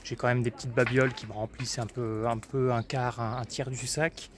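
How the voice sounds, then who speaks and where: A man's voice: medium pitch, level tone, fairly quick, slight background noise. A man narrating a casual vlog about his flea-market finds, chatty and hesitant with many fillers.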